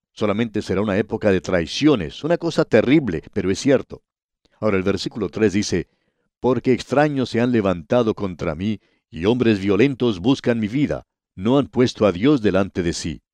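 A man giving a scripted radio Bible study, addressing the listener and reading scripture in a measured, deliberate way with slow emphasis. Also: fairly low pitch, a little mellow, no echo.

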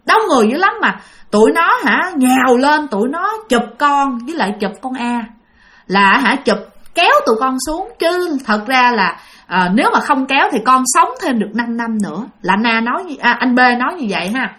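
A woman's voice: high-pitched, animated, normal speed, a bit bright. A woman telling a ghost story in a casual, chatty way and addressing listeners directly.

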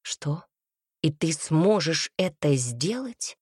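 A woman's voice: fairly low pitch, normal speed, darkish tone, dry recording, clean studio sound. A woman reading the part of a fiery, defiant young man in a storybook, speaking with vehemence and bitterness. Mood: angry. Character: young man, hot-tempered, defiant, devoted lover.

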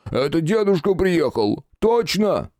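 A hulking coward whines and begs his friend for help, as a man voices him in an audiobook. His voice rises high and stretches out slowly. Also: big pitch swings, a little mellow, dry recording, clean studio sound. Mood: whining, pleading. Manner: whiny and pleading. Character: big cowardly whimpering brute of a man.

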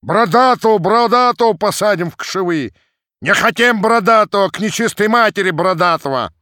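A brawling mob of male Cossacks bellows its demands, as a male reader lifts his voice high into shouts. The pitch leaps and swings wildly. The storybook recording is dry and close. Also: big pitch swings, brisk, no room sound, exaggerated voice. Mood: shouting. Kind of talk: audiobook reading.

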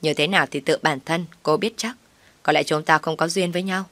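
A woman's voice: steady tone, a little fast, a bit bright, dry recording. A woman voicing a scolding older mother-in-law who nags and shrieks in a raised voice. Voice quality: shrill, nagging.

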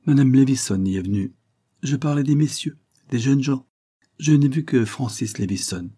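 A man voicing a shy, flustered young noblewoman in a read-aloud novel, pitching his husky voice up for her replies. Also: lively intonation, normal speed, dark tone. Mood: shy, earnest.

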